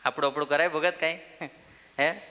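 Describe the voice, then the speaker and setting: Swami preaching in a reverberant hall. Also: male voice, fairly high pitch, fairly even intonation, moderate pace, pushed and bright. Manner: storytelling, asks the audience questions and answers them. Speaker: swami giving a temple discourse. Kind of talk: sermon with a story.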